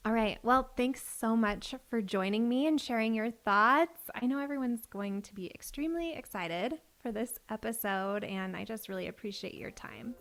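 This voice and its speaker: Here the same thirty-something podcast host and business coach sounds higher and fairly bright, keeping a moderate pace with few pauses. It's a relaxed conversation with a guest, peppered with frequent "like"s.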